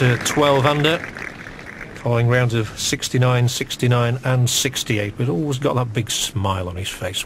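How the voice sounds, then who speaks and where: A middle-aged man works as a golf commentator on a live broadcast. His mid-pitched voice is conversational and musing, with quiet enthusiasm. Clear ambient noise from the course sits behind him. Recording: noisy outdoor broadcast ambience.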